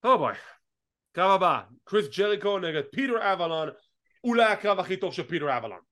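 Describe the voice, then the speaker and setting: A man co-hosting a wrestling podcast, talking in a casual, animated and teasing way and slipping English phrases into his talk. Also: high-pitched. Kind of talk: casual chat.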